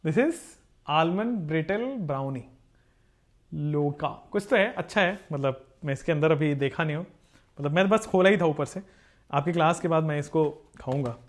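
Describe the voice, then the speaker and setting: During a live online chemistry class, a man whose voice is on the high side speaks a little slowly. He's animated, cracks jokes, and calls his students "beta."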